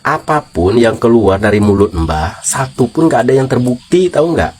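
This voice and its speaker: A man's voice: mid-range voice, very animated, normal speed, a little mellow, slight background noise. A man with an Indonesian accent giving casual, mocking commentary as host, scolding and teasing as he talks. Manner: teasing, scolding, addresses his target as an old man.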